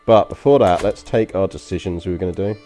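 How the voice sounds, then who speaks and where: Streaming a strategy game, a Londoner chats casually and rambles, dropping frequent ums and uhs as he comments for his chat. His low voice moves quickly with a warm tone, over soft background music.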